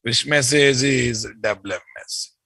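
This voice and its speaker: Speaking to his class in a live coding lesson, this Telugu-accented programming instructor moves at a slow, measured pace. The dry recording captures a mid-range voice with a sharp, forward, creaky edge, and he habitually repeats phrases and closes with tag questions.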